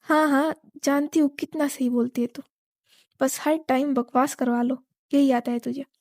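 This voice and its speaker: A woman's voice: high-pitched, steady tone, normal speed, a little mellow, no echo, studio quality. A woman voicing a bossy elder sister who scolds her younger sister in jest. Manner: scolding, mock-stern. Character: bossy elder sister, sharp-tongued hostess.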